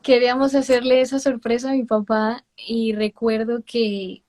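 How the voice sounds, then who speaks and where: A young woman from Miami who has spent long stretches in Mexico tells stories as a guest in a casual interview, speaking with a Mexican accent, laughing often and slipping in English words. Her voice is fairly high, level, moderately paced and a little mellow.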